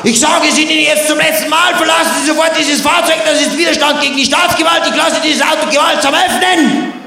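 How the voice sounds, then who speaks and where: A man's voice: very high-pitched, steady tone, fairly quick, soft background music, a faint crowd, pitched above the performer's own voice, heavily acted. A man voicing an irate male traffic policeman who barks orders. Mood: angry shouting. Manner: barking orders, loud. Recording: echoey stage, audience and noise.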